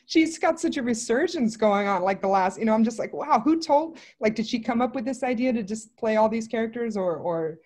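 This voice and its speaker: Speaking briskly in a higher voice with hardly any pauses, a woman in her thirties who writes and directs films answers interview questions on a video call. Sitting in an indoor room, she rambles animatedly, thinking aloud with many asides.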